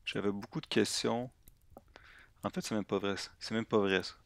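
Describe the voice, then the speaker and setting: A man's voice: on the low side, fairly even intonation, normal speed, vocal fry, no room sound. A man in his twenties with a Québécois French accent, delivering a comedic, rambling monologue to camera, full of hesitations, slang and restarts. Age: 20s. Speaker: vlogger.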